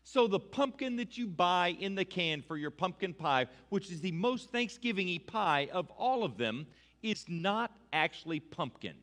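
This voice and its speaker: A man's voice: high-pitched, very animated, moderate pace, fairly bright tone. A man preaching a casual, playful Thanksgiving sermon to his congregation, joking and getting them to repeat lines after him. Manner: playful, audience-engaging, asks congregation to repeat. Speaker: pastor. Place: church sanctuary with congregation. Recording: long hall reverb.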